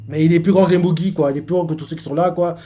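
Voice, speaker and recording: A man's voice: on the high side, fairly even intonation, rapid-fire, mellow. A man reacting live to a manga chapter, rambling with many fillers and self-corrections.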